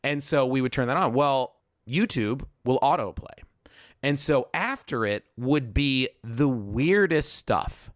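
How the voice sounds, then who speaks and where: Here a man co-hosting a casual podcast tells a long story at an unhurried pace, his medium-pitched voice expressive as he breaks off mid-thought and returns to it again and again. The studio-quality recording is dry.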